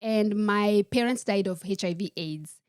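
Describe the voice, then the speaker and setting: A woman from Kenya, a podcast guest telling her life story in a measured, reflective way. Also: medium pitch, darkish tone, clear, resonant tone, no room sound, clean studio sound. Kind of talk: personal storytelling in a podcast interview.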